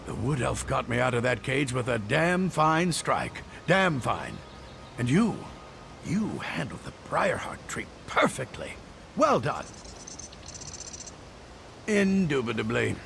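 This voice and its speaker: A man's voice: mid-range voice, sing-song, takes it slowly, vocal fry, pauses often, full character voice. An actor playing a jovial, worldly male adventurer with a hearty, theatrical manner, in a video game. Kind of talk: game voice acting. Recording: game audio with background noise.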